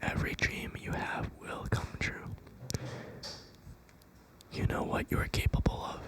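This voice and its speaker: Young adult ASMR creator, fully whispered pep talk, gentle, reassuring and unhurried delivery. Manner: whispering throughout.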